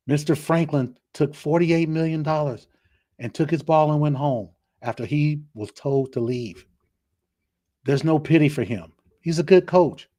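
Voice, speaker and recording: A man hosting a solo sports talk show, ranting bluntly about coaches and teams, often repeating words as he pushes his point. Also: a little high. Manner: blunt, opinionated, repeats words when excited.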